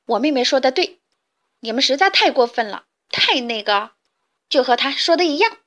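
A woman's voice: high-pitched, animated, normal speed, fairly bright tone. A woman voicing a loyal little boy chick in a storybook, protesting angrily. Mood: angry. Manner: angry, indignant protest.

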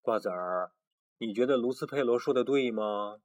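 A man reading a picture storybook aloud to a child in a relaxed way, often stopping to ask the listener questions. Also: mid-range voice, moderate pace, lo-fi sound. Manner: chatty, stops to quiz the listener. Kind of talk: casual read-aloud storytelling.

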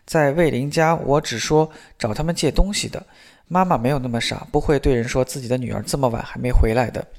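A man's voice: medium pitch, fairly quick, a little mellow, close to an everyday voice. A man reading the lines of a worried middle-aged mother who lectures her daughter in anxious, reproachful tones. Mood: scolding.

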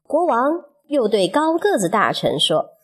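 A woman narrating a children's story in an expressive, measured storytelling manner. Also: a little high.

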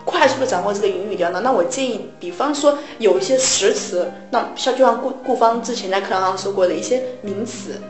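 A woman with a middle-pitched voice gives patient, step-by-step pointers on English pronunciation. She co-hosts a relaxed lesson show. She sounds roomy, with faint music playing under her. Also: quick pace, few pauses. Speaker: English tutor co-host. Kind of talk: casual radio-style chat.

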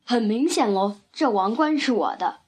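A woman's voice: on the high side, lively intonation, normal speed, natural voice. Woman voicing a smug boastful lion. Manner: boastful, scheming. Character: proud male lion, smug and bossy.

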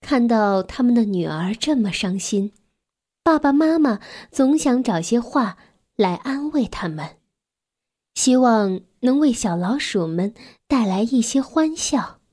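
A woman narrating a bedtime story for children in a gentle, soft way, sometimes dropping to a whisper. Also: a little high, expressive, measured pace.

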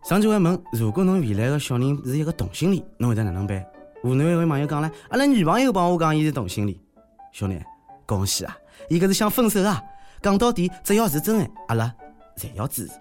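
A man's voice: on the high side, very animated, fast, a little mellow, soft background music. A man with a Shanghai accent hosting a podcast, giving humorous news commentary in a joking, teasing manner. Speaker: host of a comedy news podcast.

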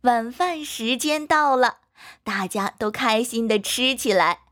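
Woman, children's story narration, gentle and expressive, fairly high pitch, slow.

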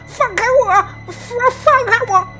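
Woman doing a shrill childlike possessed young man. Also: measured pace, sharp tone, heavily acted. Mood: frantic. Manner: whiny childlike pleading, shrill. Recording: faint music behind.

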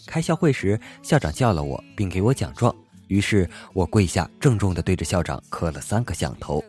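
Low-voiced man reading jokes playfully. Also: a little fast, soft background music. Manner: playful, lively storytelling with sudden loud punchlines. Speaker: comedy radio host. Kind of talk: comic joke reading.

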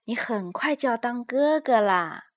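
A woman's voice: fairly high pitch, lively intonation, measured pace, no room sound, studio quality. A woman voicing a tender, loving mother who soothes her child in a children's story. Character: gentle loving pregnant mother.

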